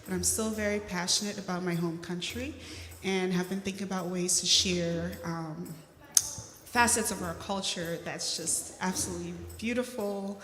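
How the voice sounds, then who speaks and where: A woman from Ghana sharing a personal reflection at a church service, measured and pausing with frequent ums. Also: on the low side, steady tone, a bit bright, slight background noise. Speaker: congregant reading a Kwanzaa principle. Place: church sanctuary. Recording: reverberant church hall.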